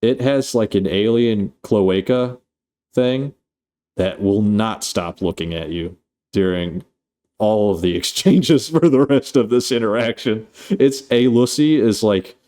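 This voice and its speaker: A man's voice: lowish voice, measured pace, dark tone. A man casually recapping a movie plot, rambling and swearing, full of fillers and restarts. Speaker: movie reviewer.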